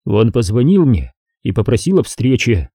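A man's voice: mid-range voice, very animated, normal speed, warm tone, breathy edge, no room sound, clean studio sound. A man reading an audiobook, voicing a nervous male researcher answering police questions defensively. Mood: anxious. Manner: anxious, defensive.

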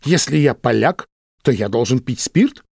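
A man's voice: mid-range voice, expressive, normal speed, creaky, darkish tone, slightly rough, no echo, studio quality. A male narrator voicing a touchy, argumentative old doctor who speaks indignantly and insistently.

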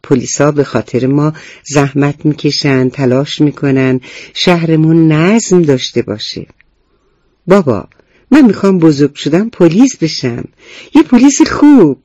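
A man's voice: a little high, a little mellow, dry recording, highs cut off, natural voice. A man voicing an earnest young schoolboy who lectures his parents about safety rules, in a storybook reading. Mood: eager. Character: earnest rule-minded schoolboy, first grader.

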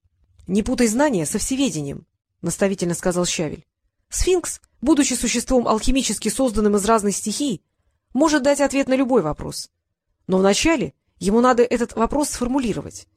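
A woman reading the part of a calm, unflappable old male wizard who lectures his pupil. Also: a little high, a little fast, dry recording, studio quality. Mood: lecturing. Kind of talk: audiobook character reading.

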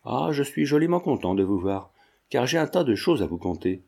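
A man reading the part of a sly old man who pretends to be deaf and talks in a lowered, scheming way. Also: big pitch swings, a little fast, gravelly, mellow. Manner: lowered, conspiratorial speech.

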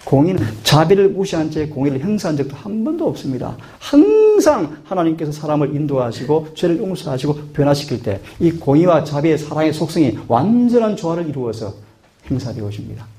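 A man delivers a sermon in an earnest, questioning manner. His voice sits a little high but sounds mellow and warm. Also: big pitch swings, a little fast. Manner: earnest, questioning the listeners often. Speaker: pastor.

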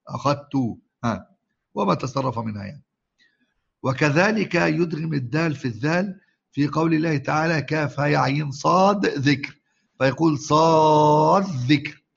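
Egyptian guy teaching quran recitation, husky gravelly voice, drags out words, keeps checking u follow, kinda muffled lo-fi audio. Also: medium pitch. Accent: Egyptian Arabic. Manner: explains slowly, repeats and drawls quoted words, quizzes listeners. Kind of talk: religious lesson. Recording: dull lo-fi recording.

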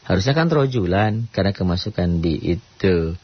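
Low-voiced Indonesian man teaching Quran recitation. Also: lively intonation, slightly rough. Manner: explains casually, breaks into slow melodic Quran recitation. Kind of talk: radio tajwid lesson. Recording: dull lo-fi radio recording.

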